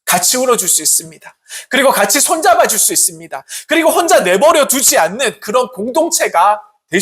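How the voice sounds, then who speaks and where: Pastor from South Korea, sermon, earnest, pleading, rhetorical questions, husky voice. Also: mid-range voice, a bit bright. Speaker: Salvation Army officer, pastor.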